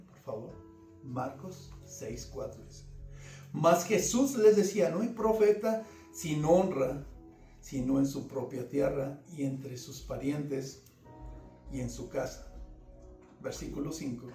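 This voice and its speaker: Preacher guy, high warm voice, fervent sermon, far off mic in an echoey church w soft music. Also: takes it slowly. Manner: fervent, swings between loud emphasis and quiet asides. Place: church service. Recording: roomy church sound from a distant mic, faint music behind.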